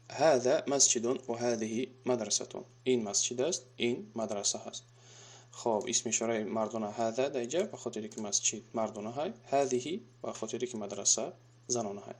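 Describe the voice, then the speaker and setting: Patient Tajik-accented Arabic teacher. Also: male voice, medium pitch, vocal fry, darkish tone. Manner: patient, reads each example slowly twice then translates. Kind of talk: recorded grammar lesson.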